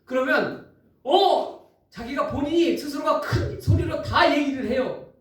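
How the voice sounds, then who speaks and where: Pastor, male, emphatic sermon storyteller, high voice, heard from a distance. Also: measured pace, fairly bright tone. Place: church sanctuary. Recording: echoey hall, distant mic.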